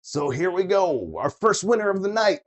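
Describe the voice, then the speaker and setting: A man working as a bingo caller, hosting a live game with playful, excitable showmanship, repeating the numbers and chatting casually with players. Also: high-pitched, moderate pace. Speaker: bingo caller and host of a live online bingo night. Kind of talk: bingo caller, calling numbers twice amid casual chat.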